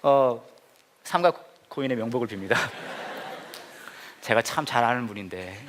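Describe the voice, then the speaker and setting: Lively joking male pastor. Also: mid-range voice, normal speed. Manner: joking, self-mocking, lively storyteller. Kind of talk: humorous sermon storytelling. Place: church service before a congregation.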